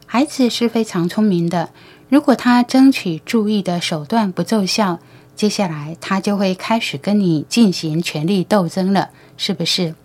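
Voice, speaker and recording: A patient, knowing alien teacher speaks to a room of human parents, as a woman reads him aloud. His lines come gently and without hurry in an audiobook reading, close to the reader's own voice. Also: mid-range voice, moderate pace, close to an everyday voice. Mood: gentle, instructive.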